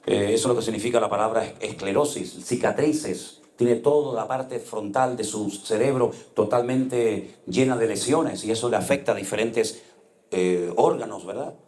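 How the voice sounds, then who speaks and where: A male pastor preaching a sermon, telling stories with passion and dropping to hushed tones at times. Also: on the low side, normal speed. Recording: echoey room.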